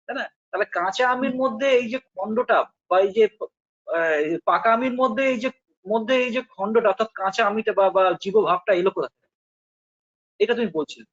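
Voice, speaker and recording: A man with a Bengali accent explains spiritual philosophy in a patient, questioning way. His voice sits very high. The recording is dull and lo-fi. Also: a little fast, long pauses, fairly bright tone. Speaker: spiritual teacher. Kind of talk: philosophical discussion.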